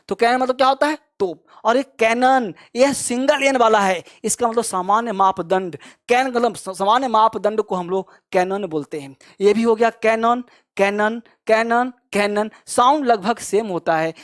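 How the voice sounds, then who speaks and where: High-voiced emphatic man teaching vocabulary. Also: no echo, clean studio sound. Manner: emphatic, repetitive drilling, spells words letter by letter; urges students to hurry and memorize. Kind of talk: classroom vocabulary lesson.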